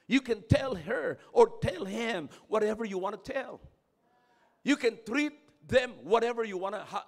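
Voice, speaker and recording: A man with a Filipino accent preaching a sermon in church, mixing English and Tagalog, calling out to his congregation and rising to shouts. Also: high-pitched, gravelly. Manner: switches between English and Tagalog, calls out to congregation; loud, dramatic preaching with shouting peaks. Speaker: pastor.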